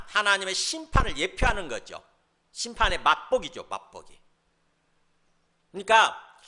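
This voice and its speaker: A man's voice: fairly high pitch, pushed and bright. A man preaching a sermon as senior pastor, asking the congregation questions and acting out the voices he quotes.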